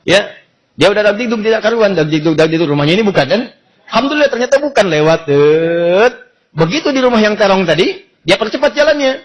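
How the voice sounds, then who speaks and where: Husky animated male preacher. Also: high voice, fast. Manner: animated, asks the audience questions. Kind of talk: storytelling sermon.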